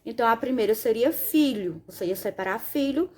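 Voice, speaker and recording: Patient woman teacher, slightly high voice. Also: expressive, darkish tone. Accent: Brazilian Portuguese. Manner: patient, spells letters out slowly, says "né?" and "ó" often. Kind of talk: recorded lesson explaining exercise answers.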